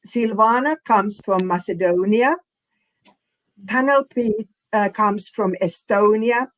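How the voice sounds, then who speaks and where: A woman from Finland moderating an online panel, speaking hesitantly with many pauses and fillers over a video call. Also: medium pitch, poor audio. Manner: hesitant, many fillers, non-native phrasing.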